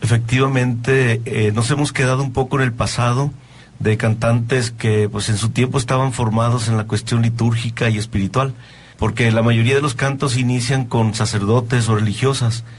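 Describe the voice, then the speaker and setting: This is a Mexican priest who writes music, speaking as a guest on a talk show. His voice sits in an ordinary male pitch. He explains his answers in a calm, measured, teacherly way. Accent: Mexican Spanish. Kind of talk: interview answers.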